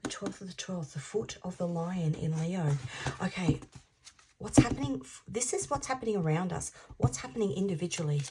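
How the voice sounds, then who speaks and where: A woman in her fifties giving an intuitive tarot reading, musing aloud, repeating phrases and sometimes dropping into soft half-whispers. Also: fairly low pitch, normal speed, noisy background. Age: 50s. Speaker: tarot reader.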